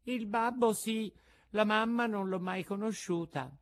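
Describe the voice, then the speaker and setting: A man voicing a small wooden puppet boy, high-pitched, frightened and pleading. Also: unhurried. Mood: earnest.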